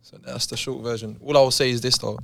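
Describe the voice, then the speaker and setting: A man's voice: medium pitch, level tone, fast talker, creaky. A young man with a London roadman accent, joking in street slang as a guest on a casual podcast. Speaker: guest, footballer. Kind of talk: casual group podcast chat.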